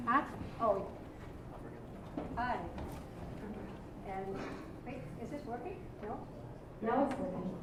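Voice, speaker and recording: Speaking slowly with frequent pauses, the scholarship-evening emcee projects her fairly high voice to the audience, reading a script and adding asides. The stage mic sits far off and she turns away from it, leaving heavy background noise, echo and crowd sound.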